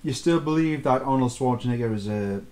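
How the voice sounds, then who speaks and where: A tipsy man with a middle-pitched voice co-hosts a loose film review. He talks informally, swears a lot and often checks for agreement in casual chat. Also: brisk, a little mellow. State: tipsy from beer.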